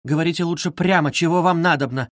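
A man's voice: fairly high pitch, a little fast, a little mellow, dry recording, pitched above the performer's own voice, natural voice. A man voicing a timid, anxious young woman who pleads in a pained tone, read as an audiobook in a dry studio. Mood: anguished. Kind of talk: audiobook reading.

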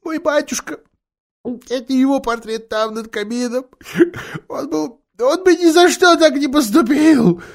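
A man voicing a weeping, remorseful male faun who talks in a high, pleading, sobbing voice in an audiobook. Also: a little slow. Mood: tearful. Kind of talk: audiobook character voice.

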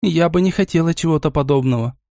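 A man's voice: fairly high pitch, fast, creaky, dark tone, dry recording, studio quality, voice pushed up. A man voicing a sarcastic young girl. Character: sarcastic young fiancée, sharp-tongued.

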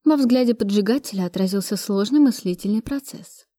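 A woman reading a first-person action story aloud, steady and brisk, close to the mic. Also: medium pitch, no echo. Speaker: audiobook reader. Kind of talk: first-person audiobook narration.

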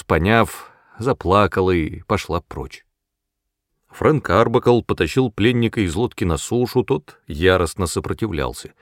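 A man narrating an audiobook in an even, unhurried storytelling manner. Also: low-pitched, no echo, studio quality. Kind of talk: scripted narration.

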